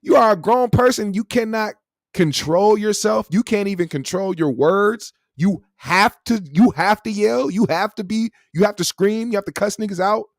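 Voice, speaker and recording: A man's voice: high-pitched, normal speed, no room sound, studio quality. A man hosting a call-in show, talking casually in a slangy, profane, opinionated conversational way. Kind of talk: casual opinionated rant and chat.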